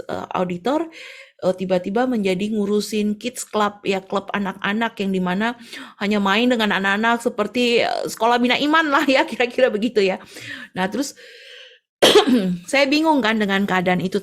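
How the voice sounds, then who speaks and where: A woman lay preacher giving a conversational church teaching, peppering her talk with little fillers and growing lively when she tells personal stories. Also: moderate pace. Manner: conversational, fills with frequent "ya" and "eh"; gets animated and rises in pitch when telling stories.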